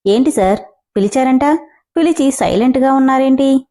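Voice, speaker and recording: A woman voicing a defiant, sharp-tongued young female employee who speaks in a cheeky, mocking, drawn-out way, in a storybook reading. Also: high-pitched.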